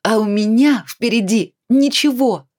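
A woman's voice: a little high, a little slow, darkish tone, pitched above the performer's own voice, lightly acted. A woman reading a storybook voices a drunk, despairing 42-year-old woman who whines and pleads. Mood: defensive. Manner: whiny, pleading, self-pitying.

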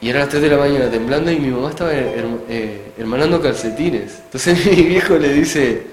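A man with a Chilean accent hosting a casual radio chat, telling rambling anecdotes in a relaxed, chuckling way. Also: medium pitch, fairly quick. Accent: Chilean Spanish. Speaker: radio show host. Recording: echoey room with music behind.

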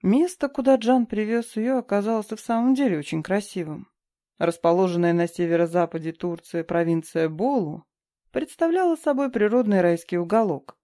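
A woman reading a novel aloud as an audiobook narrator, calm and even. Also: mid-range voice, moderate pace. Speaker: audiobook reader. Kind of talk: scripted narration.

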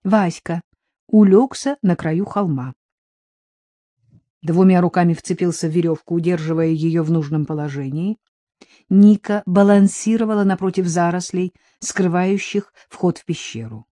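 A woman reading a story aloud in a steady storytelling manner. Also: lowish voice, normal speed, no room sound, clean studio sound. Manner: steady storytelling, voices the characters. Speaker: audiobook reader. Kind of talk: scripted narration.

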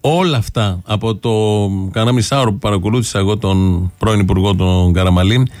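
A man's voice: on the low side, darkish tone, dry recording. A man hosting a radio political commentary show, sarcastic, listing his points one by one. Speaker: radio host.

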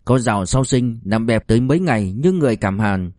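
A man narrating an audiobook in a steady storytelling manner, shifting into character voices. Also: medium pitch, fast, no echo, clean studio sound.

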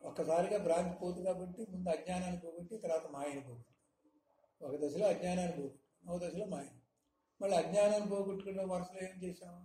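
A man giving a spiritual discourse, teaching with frequent rhetorical questions in a measured, emphatic manner. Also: high-pitched, mellow. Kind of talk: satsang discourse. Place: hall in Hyderabad. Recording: echoey room, faint noise.

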